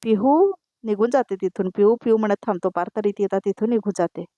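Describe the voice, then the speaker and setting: A woman's voice: mid-range voice, fast, warm tone, no echo. Woman narrating a serial recap, dry. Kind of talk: voice-over episode recap.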